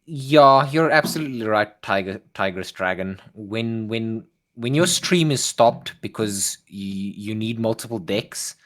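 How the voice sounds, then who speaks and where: A man's voice: fairly low pitch, lively intonation, unhurried, hardly any pauses, fairly bright tone. A man playing along in a casual streamed tabletop game, laid-back and agreeable, stammering at times. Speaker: game player.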